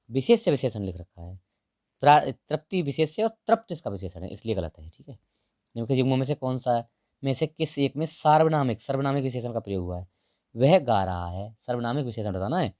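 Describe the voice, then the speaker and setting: A male teacher walks through test answers in a mellow, darker voice. He repeats key words and lets his lines sink to a quiet murmur. The sound is dry and close, with no room around it. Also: no echo. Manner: repeats key words, drops to a low murmur at line ends. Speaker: exam-prep teacher.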